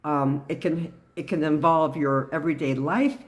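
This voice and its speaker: A middle-aged woman giving a personal talk to camera in an earnest, halting way. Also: sits low. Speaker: vlogger sharing personal experience.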